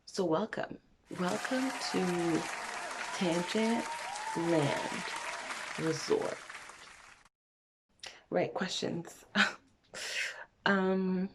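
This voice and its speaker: This vlogger is a young Montreal woman whose frank, get-to-know-me chatter keeps wandering into tangents. She speaks extremely slowly in a fairly low voice, pausing often, while a crowd and other noise fill the background.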